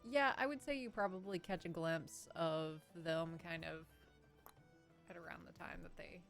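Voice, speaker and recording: Low gravelly-voiced woman running the game. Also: normal speed, fairly bright tone, soft background music. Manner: rambling, casual, with trailing fillers. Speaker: dungeon master. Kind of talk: running a live tabletop game stream.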